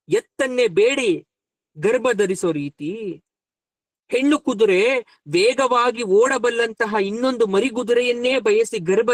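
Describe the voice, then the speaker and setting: A man voicing Krishna as a calm divine counselor who reasons and rebukes steadily. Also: high voice, dry recording.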